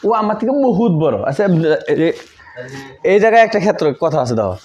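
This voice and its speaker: A man's voice: sits high, big pitch swings, fast, a little mellow. A man teaching an English grammar lesson, repeating key words and checking that students follow. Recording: dull lo-fi recording.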